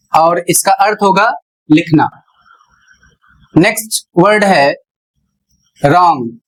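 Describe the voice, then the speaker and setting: Heard through a rough recording, a man with a high voice teaches English pronunciation. His lesson is explanatory: he proceeds patiently in steps and spells out words a letter at a time.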